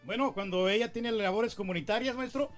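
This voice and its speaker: A man's voice: high voice, brisk, soft background music. A man bantering on a radio show, answering the host deferentially. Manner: deferential, ends lines with "maestro".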